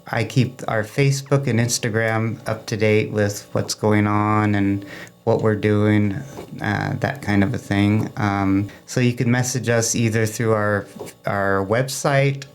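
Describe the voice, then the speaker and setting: A man with a lowish, gravelly yet smooth voice appears as an interview guest on behalf of an amateur radio club. His talk is casual and chatty, wandering from one anecdote to the next.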